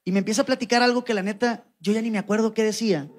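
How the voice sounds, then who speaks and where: Mexican guy doing stand-up, kinda high voice, slangy, acts out the other people. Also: rapid-fire. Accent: Mexican Spanish. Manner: slangy, animated, mimics voices in quoted lines. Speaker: stand-up comedian. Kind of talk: stand-up storytelling. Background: audience laughter.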